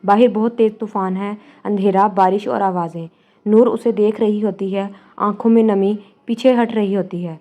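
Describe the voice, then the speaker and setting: A woman narrating a novel as an audiobook, in a calm, even storytelling manner. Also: mid-range voice. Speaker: novel reader.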